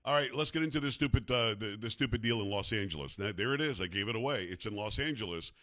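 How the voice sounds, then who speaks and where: A man's voice: lowish voice, animated, fast, pushed and bright, no room sound, clean studio sound. A man in his fifties hosting a talk radio show, teasing his co-host and then giving blunt opinions in casual banter. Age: 50s.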